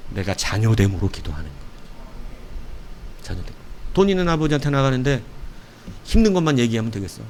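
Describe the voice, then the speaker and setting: A middle-aged male pastor with a mid-range voice preaches a sermon. He is playful and animated, acting out prayers and quotes as he goes.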